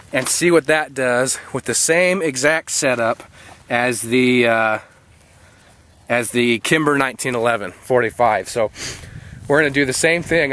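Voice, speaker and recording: A man hosting his own video, giving casual, enthusiastic running commentary to the camera outdoors, chatty and full of pauses, picked up on a camera mic. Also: on the high side, fairly bright tone, a little hiss or hum. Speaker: video host. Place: outdoor shooting spot.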